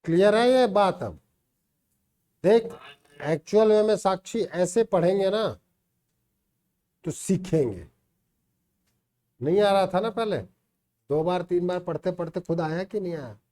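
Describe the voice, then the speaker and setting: A man's voice: high-pitched, expressive, measured pace, pauses often, dark tone. A man teaching a math class, coaxing and teasing students by name to check they understand. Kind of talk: classroom teaching, mixing Hindi and English. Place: classroom with online students joining.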